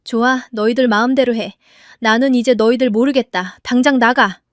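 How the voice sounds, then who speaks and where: A woman's voice: fairly high pitch, fairly even intonation, normal speed, no room sound, studio quality, lightly acted. Woman reading as a scornful domineering mother-in-law. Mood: scolding. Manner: scolding, sharp-tongued.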